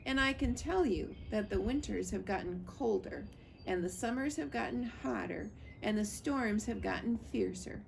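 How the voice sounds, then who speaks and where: A woman voicing a wise, very old turtle in a storybook, slow, deliberate and grave. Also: medium pitch, gravelly, a little hiss or hum, rough recording. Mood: grave, knowing. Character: wise, solemn ninety-three-year-old turtle elder. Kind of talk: storybook character voice.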